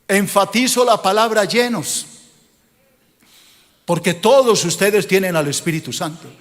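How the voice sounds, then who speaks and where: A man's voice: high voice, in a large hall. A male pastor preaching a sermon, scolding and questioning his congregation in a rhetorical style.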